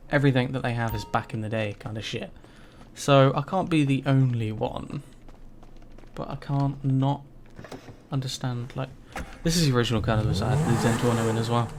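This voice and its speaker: A man's voice: mid-range voice, a little hiss or hum. A man giving casual, rambling gameplay commentary, swearing now and then as he gets mildly frustrated. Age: 20s. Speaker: gaming YouTuber.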